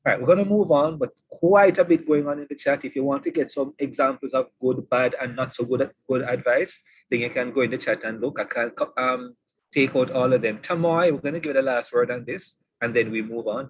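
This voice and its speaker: A Jamaican man hosts an online professional development session for teachers, chatty and teasing and repeating his points. His mid-range voice is husky and a little fast, with lo-fi sound.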